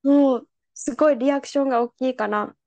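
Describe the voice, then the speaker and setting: A young woman hosting a podcast, chatting casually and telling animated stories, acting out the people she quotes. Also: high-pitched, brisk, no room sound. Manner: animated storyteller, acts out quotes. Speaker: podcast host. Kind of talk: casual chat.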